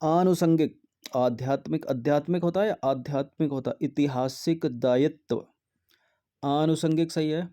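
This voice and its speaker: A man's voice: on the high side, moderate pace, warm tone. A man teaching Hindi grammar, reading out exam questions and their answer options, then explaining methodically which one is correct.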